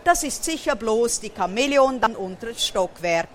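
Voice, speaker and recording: A woman's voice: a little high, expressive, natural voice. A woman voicing a fretful, dramatic male cockatiel in a storybook read aloud. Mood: distraught. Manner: lamenting, theatrical, hurried.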